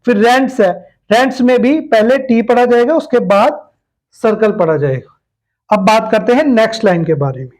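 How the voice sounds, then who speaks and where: A man's voice: high-pitched, animated, normal speed, a little mellow, rough recording. A man teaching a step-by-step shorthand lesson, patiently repeating each rule with examples.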